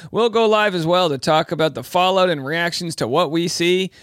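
Chatty male podcast host, slightly high voice. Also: normal speed, a bit bright, clean tone, no echo, clean studio sound. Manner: chatty, informal. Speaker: podcast host and stand-up comic. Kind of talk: casual entertainment commentary.

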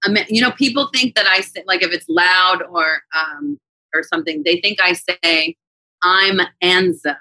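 A woman's voice: on the low side, steady tone, moderate pace, sharp tone, dry recording, poor audio. A woman in her forties, a podcast guest chatting candidly and laughing often. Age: 40s. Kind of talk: casual interview chat.

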